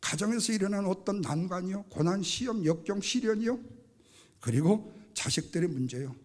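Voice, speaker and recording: A man's voice: high-pitched, lively intonation, normal speed, a little mellow. A man preaching a Sunday sermon in a church, dramatic and acting out quotes in different voices. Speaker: pastor. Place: church sanctuary.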